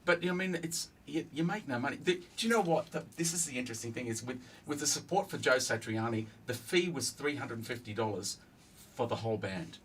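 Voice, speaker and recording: Brief: male host, middle-aged, chatty, self-deprecating, animated delivery with a bright, forceful tone. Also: mid-range voice, fairly quick, a little hiss or hum, rough recording. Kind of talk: casual interview chat.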